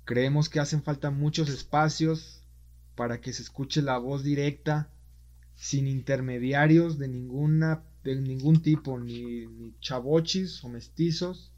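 A podcast host with a mid-range voice asks his interview questions in a friendly, conversational way and wraps up warmly. His tone is steady and he never hurries. The audio is dull and lo-fi.

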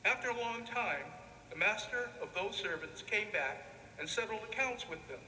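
A man reading scripture as a deacon in a solemn, measured, declamatory way, with cathedral echo around his voice. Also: high-pitched, expressive, sharp tone. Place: large reverberant church. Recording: echoey church, long reverb, background noise.

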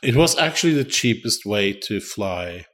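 A man's voice: fairly low pitch, moderate pace. Chatty man telling travel stories. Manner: animated storyteller, acts out voices in quotes. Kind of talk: casual storytelling chat.

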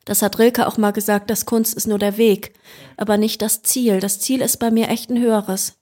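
A woman musician from Germany, a guest in an interview, speaks about her work in a flat, mid-range voice with a slightly mellow quality. She keeps a moderate pace and sounds thoughtful, often reaching for words with fillers and restarts.

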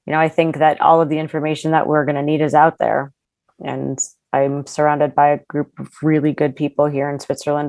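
A woman's voice: low-pitched, a little mellow, dry recording. A woman coach talking as a podcast guest, earnest and thoughtful, with some hesitant restarts. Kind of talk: casual interview chat.

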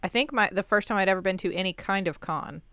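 A woman's voice: medium pitch, fast talker, fairly bright tone, dry recording. A woman co-hosting a podcast, chatting casually with dry, teasing asides. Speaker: podcast co-host. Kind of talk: casual chat.

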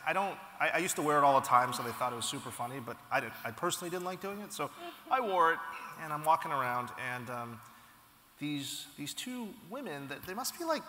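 Animated man speaking in an echoey hall. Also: on the high side, a little fast, a little hiss or hum. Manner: animated storytelling, frequent restarts and "you know". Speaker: company founder being interviewed. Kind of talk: casual conversational interview. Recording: echoey hall with long reverb.

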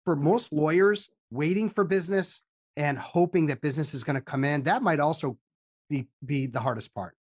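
A man's voice: on the high side, normal speed, a little mellow, dry recording, clean studio sound. A man hosting a podcast in a casual, jokey, informal interview style. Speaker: podcast host.

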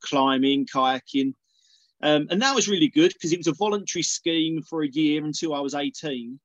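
Casting: middle-aged Essex male, lightish pitch, hesitant conversational guest, slightly dull audio. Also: normal speed, no room sound. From Essex, England. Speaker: podcast guest, organic dairy farmer. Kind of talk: casual conversational interview.

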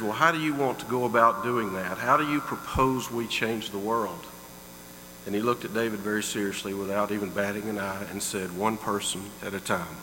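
A middle-aged man with a lowish, bright and forceful voice gives a heartfelt storytelling introduction of a guest in a church sanctuary. The recording carries a long hall reverb and a faint mains hum.

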